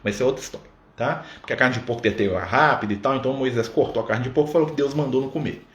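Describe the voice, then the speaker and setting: A man's voice: medium pitch, rapid-fire. A man leading a casual Spiritist study on a live stream, talking conversationally and often adding "né?" and "tá?". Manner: conversational, full of "né?" and "tá?" asides. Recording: roomy sound with faint background noise.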